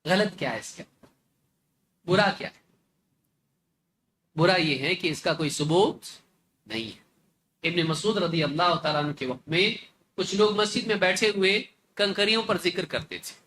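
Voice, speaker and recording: Male scholar, high bright delivery, animated lecture, faint noise in the recording. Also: long pauses. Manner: animated, acts out opponents with mocking rhetorical questions. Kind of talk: religious lecture in Urdu.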